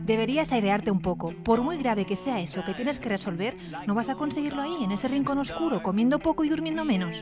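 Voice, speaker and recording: A man's voice: extremely high pitch, expressive, fast talker, music in the background, pitched above the performer's own voice. A man voicing a bossy, fussing mother who scolds her son. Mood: nagging. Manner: scolding, nagging. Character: bossy fussing mother, middle-aged woman.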